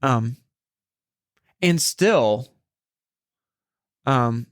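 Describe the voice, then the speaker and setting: A man co-hosts a church podcast in a relaxed Bible study chat. He thinks out loud, full of "like" and "um", at a middle pitch for a man. The sound is dry and close. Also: very slow, dry recording. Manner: thinks aloud, many fillers. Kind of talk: casual Bible study discussion.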